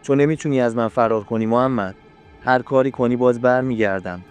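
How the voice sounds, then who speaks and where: A man voicing a young female jinn who is obsessed and possessive, speaking softly with a menacing edge. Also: medium pitch, smooth, faint music behind, natural voice.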